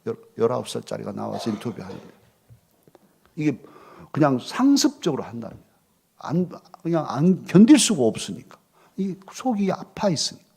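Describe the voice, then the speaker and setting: Male pastor, middle-aged, expressive sermon delivery with animated pitch, loud then hushed. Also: moderate pace, gravelly, breathy edge. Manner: expressive, swings from loud questions to soft near-whispers. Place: church sanctuary.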